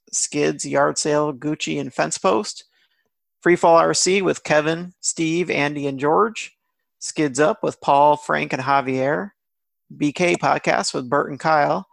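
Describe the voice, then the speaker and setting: A man co-hosting a hobby podcast, briskly reading through a list of shout-outs. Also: on the high side, gravelly, no echo. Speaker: podcast co-host. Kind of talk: casual podcast chat.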